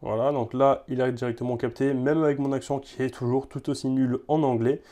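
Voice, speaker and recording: Man, tech reviewer, mellow warm tone, middle pitch, casual demo, loose chatty delivery. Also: brisk. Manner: relaxed, lots of filler words and repeats.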